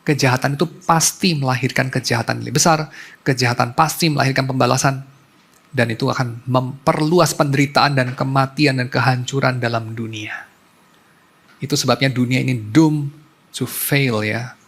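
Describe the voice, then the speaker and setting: A man's voice: medium pitch, fairly even intonation, moderate pace, vocal fry, fairly bright tone, husky. A man preaching a sermon as a pastor, in a conversational storytelling way, mixing in English terms.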